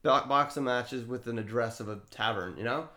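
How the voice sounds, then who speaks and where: A man talks loosely through story ideas, his sentences wandering and padded with filler words. His voice sits at an ordinary middle pitch. The room around him adds a noticeable echo. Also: normal speed, bright, forceful tone. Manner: loose and rambling, full of "like" and "you know". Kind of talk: casual brainstorming chat. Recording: roomy echo.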